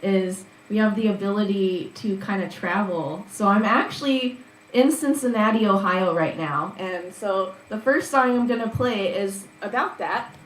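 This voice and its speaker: A woman's voice: medium pitch, unhurried, slight background noise. A young woman from Washington State, chatting casually and a little shyly before her open mic set on a live stream, heard through her laptop microphone. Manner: chatty, laughs easily, soft-spoken intro. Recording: echoey room on a laptop stream.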